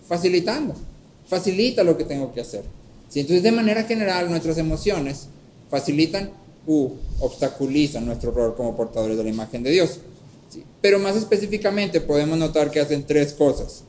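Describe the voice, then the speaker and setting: A man preaching a sermon, teaching step by step and often checking in with a quick "¿sí?", and acting out a story with lively voices. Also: fairly high pitch, a little hiss or hum, low-quality recording. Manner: checks in with frequent "¿sí?". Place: church hall.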